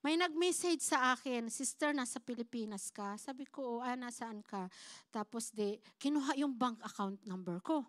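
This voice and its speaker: Woman pastor, high voice, dry close sound, sermon testimony, acts out quoted dialogue. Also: lively intonation, normal speed, fairly bright tone, dry recording. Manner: addresses the congregation as "mga kapatid"; storytelling with acted-out quoted dialogue. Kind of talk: Tagalog sermon testimony, mixing in English. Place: church.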